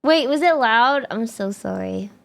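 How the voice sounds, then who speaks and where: On her live stream, a young woman talks casually to viewers, getting excitable, laughing frequently and cursing freely. Her voice sits on the high side, a little slow and creaky.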